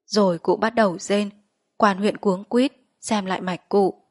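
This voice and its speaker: Steady woman reading a story aloud. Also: medium pitch, dry recording, studio quality. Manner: measured, steady narration. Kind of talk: audiobook story narration.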